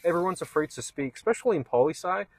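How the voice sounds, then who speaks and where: A man's voice: a little high, fast, dry recording. Young man chatting casually, rambling. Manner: relaxed, rambling, says "like" and "man" a lot. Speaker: co-host. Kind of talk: casual chat.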